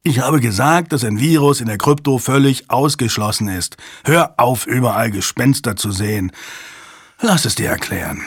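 A man voicing a gruff male computer technician who brushes off worries with brusque impatience. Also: medium pitch, no echo, studio quality.

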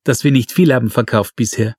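A man's voice: mid-range voice, a little fast, a little mellow, husky, no echo, clean studio sound, natural voice. A man voicing a thin, defensive female shop assistant who speaks broken German with a slight Eastern European accent. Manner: broken German word order.

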